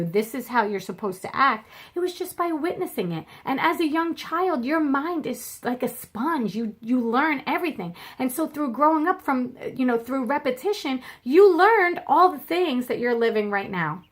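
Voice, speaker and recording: A woman's voice: high-pitched, moderate pace, hardly any pauses. Chatty middle-aged woman teaching faith. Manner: conversational, many fillers, lively quoting. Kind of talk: informal faith-based teaching.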